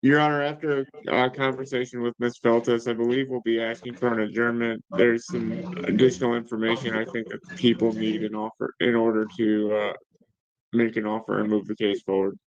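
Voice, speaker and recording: A man's voice: medium pitch, flat delivery, fairly quick, highs cut off. A man speaking as a defense attorney, formally addressing the judge in a courtroom recording.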